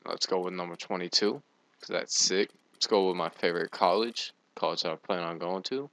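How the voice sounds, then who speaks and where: A man's voice: low-pitched, normal speed, a bit bright, no echo. A young man giving casual let's play commentary on a video game. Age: young adult. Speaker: gaming video host.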